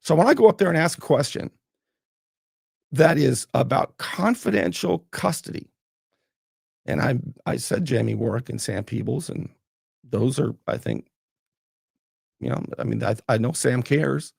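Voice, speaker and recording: Gravelly husky guy hosting, heated and blunt, dry close sound. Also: mid-range voice, animated, unhurried, long pauses, darkish tone, dry recording. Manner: fired up, blunt, swears. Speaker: talk show host. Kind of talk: heated political interview.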